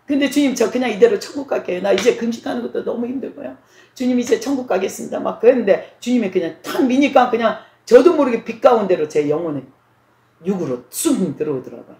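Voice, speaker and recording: A woman's voice: on the high side, darkish tone. Dramatic woman preacher in an echoey hall. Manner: dramatic storytelling, acting out quoted voices. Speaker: preacher giving testimony. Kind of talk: testimony sermon.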